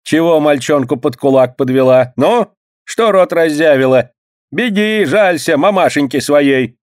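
Shrill scolding laundrywoman, as a man puts her on. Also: animated, normal speed, no echo, studio quality. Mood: spiteful. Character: angry shrill village laundrywoman, middle-aged.

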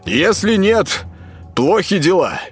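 A man voicing a rude, arrogant 42-year-old male psychiatric patient who yells insults. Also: high voice, big pitch swings, slow, husky, faint music behind, pitched above the performer's own voice, exaggerated voice. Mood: brash. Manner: brash, yelling insults.

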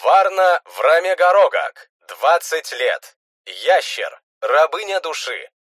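A man's voice: fairly high pitch, slow, no room sound, voice pushed up, heavily acted. A man reading a magic status screen. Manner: flat, list-like readout. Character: magical status interface listing character stats.

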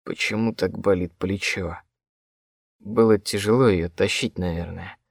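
A man's voice: sits low, steady tone, unhurried, creaky, no echo, studio quality. A man narrating in the first person, his voice a faint, dreamy, half-conscious murmur that seems to come from far off. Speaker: audiobook narrator.

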